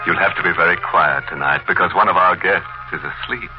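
An actor playing a sinister, punning horror host of an old radio mystery show, in 1940s radio acting. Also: male voice, low-pitched, fairly quick, lightly acted. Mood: gloating. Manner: macabre puns with chuckles. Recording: dull old radio recording with music.

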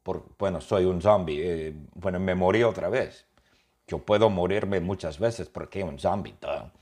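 A man's voice: low-pitched, measured pace, darkish tone, voice pushed down. A man voicing a dim, cheerful zombie hamster who rambles through his story with sound effects. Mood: goofy.

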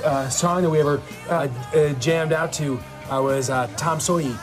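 A man playing an awkward, starstruck rock fan in a film comedy, stammering and halting as he talks. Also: fairly high pitch, steady tone, lightly acted. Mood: nervous, starstruck. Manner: stammering, halting, tongue-tied. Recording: background music under film dialogue.

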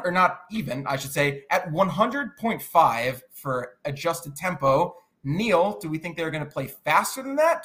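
A man hosting a college sports podcast, walking through numbers and steering the segment in a lively, conversational way. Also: high-pitched. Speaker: podcast host.

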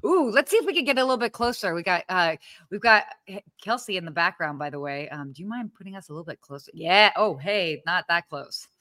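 Woman co-host, bubbly and exclaiming, mid pitch, dry home video-call sound. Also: lively intonation, fairly quick, bright, forceful tone, no room sound. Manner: bubbly, exclaiming, many fillers. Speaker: podcast co-host. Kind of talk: casual livestream chat. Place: home apartment.

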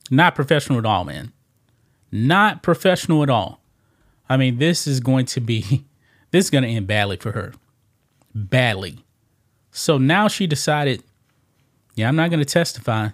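A man's voice: mid-range voice, big pitch swings, a little slow, long pauses, a bit bright. A man hosting an online commentary show, talking casually and emphatically, often tossing in "man" and repeating his points. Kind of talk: opinionated political commentary.

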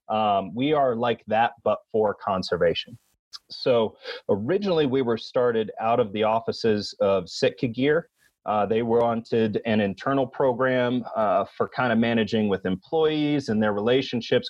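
A man's voice: on the low side, no room sound. A man speaking as an interview guest over a remote internet call, explaining things conversationally. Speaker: podcast guest, nonprofit executive. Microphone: remote video call. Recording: dull lo-fi internet call, dry.

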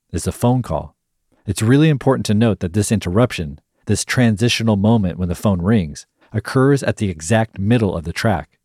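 A man hosting a podcast, narrating a scripted analysis in a measured, explanatory way. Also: fairly low pitch, darkish tone, husky, dry recording, studio quality. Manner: measured, explanatory, reads quotes aloud. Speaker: podcast host.

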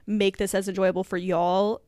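A woman's voice: mid-range voice, level tone, moderate pace, dark tone, dry recording, studio quality. A woman co-hosting a podcast in casual chat, talking with lots of fillers and laughs. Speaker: podcast co-host.

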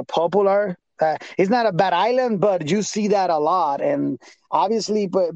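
A man in his thirties from Puerto Rico, an evangelist minister speaking English with a Puerto Rican Spanish accent, talking haltingly and repeating words as he searches for them in a casual interview. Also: fairly high pitch, gravelly, mellow, no echo. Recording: dull lo-fi sound.

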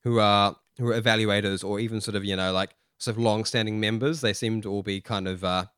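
A man narrating a tabletop game as game master, casually improvising his descriptions in a halting way. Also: on the low side, steady tone, fairly bright tone, clear, resonant tone, no echo, clean studio sound.

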